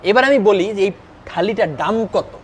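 A young man hosting a food review vlog in a restaurant, talking excitedly and emphatically, often asking "okay?". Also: high-pitched, brisk, slight background noise. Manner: excited, emphatic, keeps asking "ঠিক আছে?". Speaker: food vlogger. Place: restaurant dining room.

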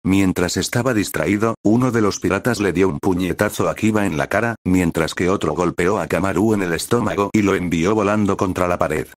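A man reading a fan story aloud in a flat, steady way, stumbling now and then. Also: low-pitched, no room sound. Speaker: reader of fan fiction.

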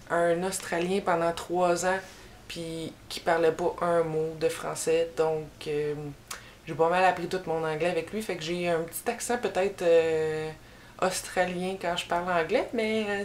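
Slow and rambling, a young vlogger from Quebec talks her way through a casual tag video in a Québécois French accent, pausing frequently on fillers. Her voice runs low, with slight background noise. A front-facing camera captures her head and shoulders, a bookshelf at her back in a small room.

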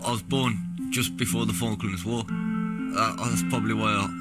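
In a documentary interview set over background music, a young adult British former soldier shares personal memories of his experiences. He speaks haltingly and plainly, his voice low-leaning and steady in tone.

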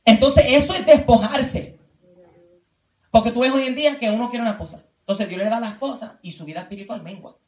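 A man's voice: very high voice, a little fast. A man preaching a sermon at a youth retreat in a church, often breaking in with praise exclamations and dropping in English words. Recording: echoey church room.

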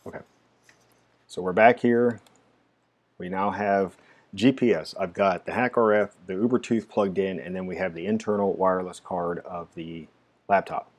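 A man narrating a casual screen-recorded software tutorial, explaining each step with frequent "uh" fillers. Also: sits low, steady tone, normal speed. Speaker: tech tutorial presenter.

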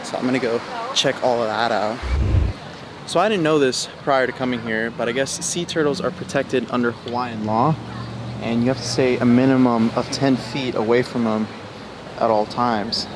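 A young man in his twenties chats into a handheld camera held at arm's length as he walks outdoors. His talk is casual and full of slang. Steady outdoor noise runs clearly behind his voice. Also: medium pitch, moderate pace. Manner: laid-back, chatty, slangy. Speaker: travel vlogger. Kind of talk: casual travel vlog. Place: outdoors on a hiking trail and beach. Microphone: handheld action camera at arm's length.

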